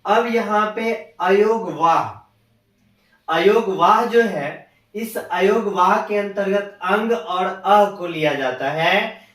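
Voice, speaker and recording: High-voiced teacher in an echoey room. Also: male voice, a bit bright. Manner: explains step by step, asks and answers his own questions. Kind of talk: grammar lesson. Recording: echoey room, far from the mic.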